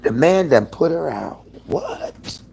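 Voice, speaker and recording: A man in his fifties hosting a casual livestream from home, gossiping with viewers in an animated, profane way. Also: a little high, takes it slowly, vocal fry, a little hiss or hum, rough recording. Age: 50s. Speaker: livestream host. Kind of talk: casual live-stream chat.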